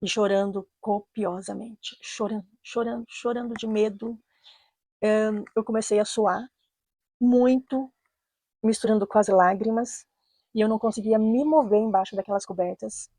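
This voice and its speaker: A Brazilian woman with a Brazilian Portuguese accent, telling a true personal story in an earnest, measured way and repeating phrases for emphasis. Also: medium pitch, steady tone, mellow, husky, dry recording. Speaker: storyteller, channel host.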